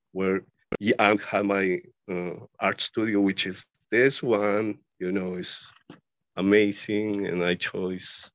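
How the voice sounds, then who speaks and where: Sitting in his art studio, a man from Ecuador with Spanish as his first language describes his own paintings in a relaxed way. His voice runs on the low side, and his delivery is slow, broken by many pauses and heaped-up word lists. The sound is close, dry, echo-free, and somewhat dull and lo-fi.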